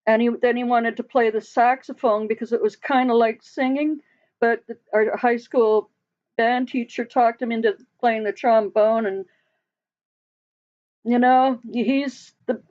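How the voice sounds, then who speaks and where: A woman's voice: fairly high pitch, fairly even intonation, unhurried, darkish tone, muffled recording. A woman hosting a casual live chat with her viewers, talking in a loose, rambling way with frequent laughs and trailing sentences. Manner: chatty, laughs often, trails off mid-sentence. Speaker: livestream host.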